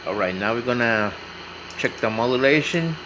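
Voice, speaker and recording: This hobbyist shows how to repair a radio, his medium-pitched voice animated and moderately paced against background noise. He explains things plainly in an informal hands-on style, going over his instructions again as he proceeds.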